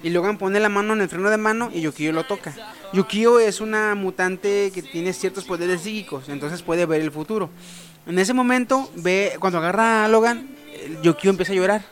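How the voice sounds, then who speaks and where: A man with a Mexican accent hosting a casual chat, relaxed and swearing often. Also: high-pitched, normal speed, soft background music. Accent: Mexican Spanish. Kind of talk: casual chat among friends.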